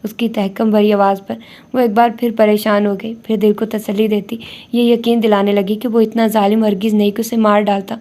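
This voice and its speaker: A woman narrating a romance novel in a steady reading voice. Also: medium pitch. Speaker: audiobook narrator.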